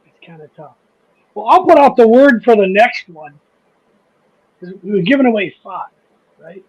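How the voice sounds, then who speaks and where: A Midwestern man with a high, husky voice chats loosely on a livestream, circling back and restarting his sentences. The audio is dull and lo-fi. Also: lively intonation, normal speed. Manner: rambling, restarts sentences, laughs easily. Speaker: host of a model railroad channel. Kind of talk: casual livestream chat.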